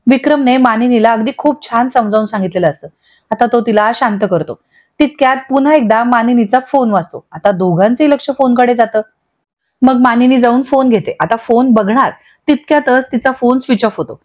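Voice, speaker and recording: A woman narrating a recap of a TV serial episode in brisk storytelling. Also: on the high side, a little mellow. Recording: dull lo-fi audio.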